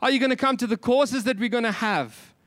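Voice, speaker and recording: High-pitched South African Afrikaans preacher, a man. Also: a little fast, fairly bright tone, dry recording, clean studio sound. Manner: emphatic rhetorical questioning and repetition. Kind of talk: sermon.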